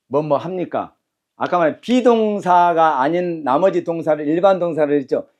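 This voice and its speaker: In classroom lecture fashion, this man runs an English lesson with brisk authority, calling out cues for phrases to be repeated back. His voice is slightly high and a little mellow.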